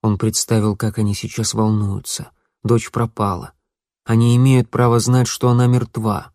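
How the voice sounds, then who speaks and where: A man narrating an audiobook thriller in an even, measured reading. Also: fairly low pitch, no echo, studio quality.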